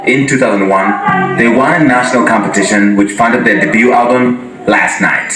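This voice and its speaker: A man's voice: fairly low pitch, normal speed. A man interviewing and narrating for a broadcast music profile. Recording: very echoey, distant mic, background music.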